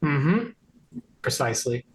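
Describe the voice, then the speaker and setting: A man with a husky, medium-pitched voice plays in a tabletop game. He chats casually and jokily with the group. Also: big pitch swings, takes it slowly. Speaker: player in a tabletop role-playing game. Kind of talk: casual joking chat.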